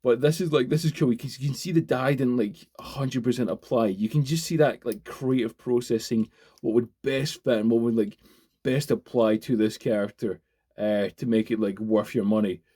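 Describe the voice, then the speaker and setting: A man, chatting casually and excitedly while unboxing and reviewing a toy, swearing freely as he rambles. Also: medium pitch, normal speed, slightly rough. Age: 20s. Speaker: toy reviewer, channel host.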